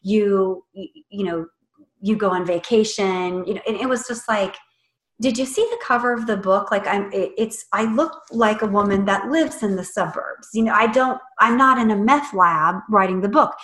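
A woman's voice: mid-range voice, moderate pace, fairly bright tone. A woman guest on a podcast, chatting casually and animatedly about a book she wrote, laughing often. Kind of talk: casual chat. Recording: roomy echo.

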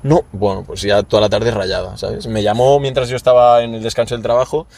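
Young Spanish man, animated storyteller. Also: lowish voice, a little fast, creaky, a little hiss or hum. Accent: Spain Spanish. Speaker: podcast host. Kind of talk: casual chat.

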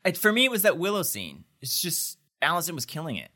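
Bright-voiced man with the hiccups. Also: huge pitch swings, fast talker. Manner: easygoing, low-key, reads show plugs. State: has the hiccups. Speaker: podcast co-host. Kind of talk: casual chat.

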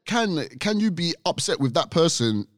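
A man's voice: fairly high pitch, sing-song, normal speed, no echo, clean studio sound. A young man with a London urban accent, chatting casually on a podcast, slangy and questioning, repeating points for emphasis. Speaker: podcast co-host.

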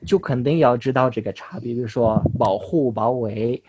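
A young man from Russia, a native Russian speaker, talks casually as an interview guest in foreign-accented Mandarin, halting and correcting himself. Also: medium pitch, a little mellow, lo-fi sound, a little hiss or hum. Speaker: interview guest, language learner.

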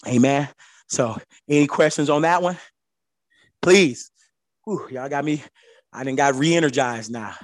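A man leading a Bible study, animated, swinging between low asides and excited high peaks. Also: measured pace, pauses often, dry recording, clean studio sound.

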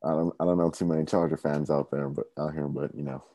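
An easygoing male co-host who mostly chimes in with short agreeing replies. His voice is extremely deep and dark, recorded dry and close. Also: fairly even intonation, quick pace, dry recording. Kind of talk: casual sports chat.

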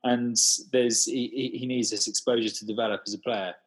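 A man co-hosting a podcast, rambling in a halting way with lots of fillers. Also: medium pitch, fairly even intonation, husky, poor audio. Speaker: podcast co-host. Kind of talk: casual sports chat.

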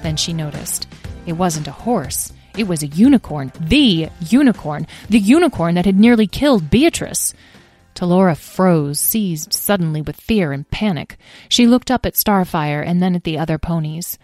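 A woman narrating a children's fantasy storybook with expressive, lively emphasis. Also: lowish voice, moderate pace, no room sound, faint music behind.

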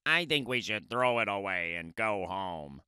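Toad, a man doing a low, glum toad voice. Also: animated, pushed and bright, smooth, no echo, clean studio sound, full character voice. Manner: glum, slow. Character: Toad, gloomy easily discouraged male toad. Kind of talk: storybook reading.

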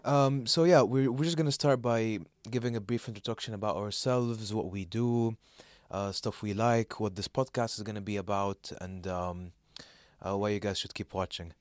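A man's voice: on the low side, steady tone, moderate pace, no room sound, clean studio sound. A young man from Saudi Arabia co-hosting a podcast, chatting loosely with plenty of fillers, restarts and laughter. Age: young adult. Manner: rambling, laughs a lot, many fillers and restarts. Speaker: podcast co-host. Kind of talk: casual chat.

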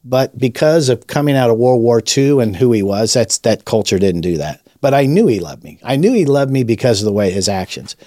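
A man's voice: medium pitch, animated, brisk, few pauses, mellow, no room sound, clean studio sound. A man hosting a podcast, telling a personal testimony in a rambling conversational way, with frequent restarts. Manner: rambling, with many restarts and fillers. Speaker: podcast host and rabbi.

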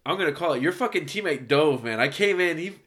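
Fast-talking animated podcast host man. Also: a little high. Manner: animated, swearing, laughing. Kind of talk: casual storytelling chat. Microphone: podcast mic.

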